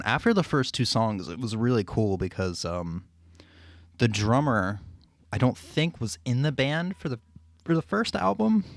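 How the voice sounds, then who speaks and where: Casting: male streamer, lowish voice, loose hesitant rambling chat, close dry mic. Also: dry recording. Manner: rambling, hesitant, profanity-laced. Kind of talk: casual chat to a stream audience.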